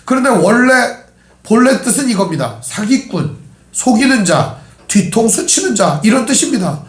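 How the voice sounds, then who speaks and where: Male pastor with a high voice, preaching with humorous family stories, echoey room. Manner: storytelling with humorous asides about family. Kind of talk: sermon. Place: church sanctuary.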